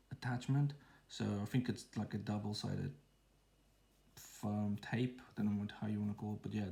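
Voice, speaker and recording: A man with a low, gravelly voice talks viewers through an unboxing in a loose, rambling way. His delivery stays flat and even, and it is full of "um"s and restarts. He sounds like he is recording on a phone held in one hand at home. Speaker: tech channel host. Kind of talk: casual unboxing walkthrough.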